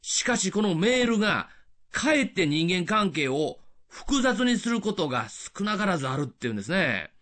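A man's voice: high voice, normal speed. An older man giving a radio sermon as an evangelist, explaining things plainly and posing questions to the listener. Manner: lively, explanatory with rhetorical questions.

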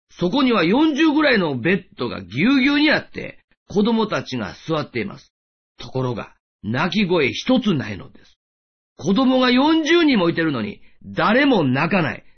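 A male preacher gives a sermon in a high, lively voice that swings up and down. His tone is a little husky. The recording sounds dull and lo-fi. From Japan. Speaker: pastor.

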